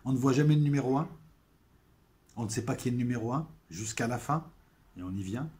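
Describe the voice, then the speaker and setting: A man's voice: mid-range voice, animated, a little fast. Hesitant man musing to his viewers. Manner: hesitant, many fillers and restarts; emphatic, swelling loudness on key points. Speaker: video essayist. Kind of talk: casual spoken monologue to viewers.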